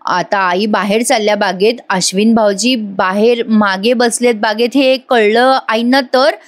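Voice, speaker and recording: A woman voicing a gentle, attentive young wife who speaks politely and coaxingly. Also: a little high, fairly even intonation, unhurried, close to an everyday voice. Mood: thinking.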